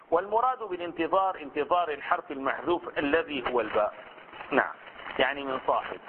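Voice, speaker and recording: A male scholar with a slightly high voice teaches a recorded study-circle lesson on grammar and inheritance law, patiently asking and answering his own questions. He slips into colloquial Levantine Arabic asides and draws example words out slowly, heard through a tinny, phone-like band with faint hiss.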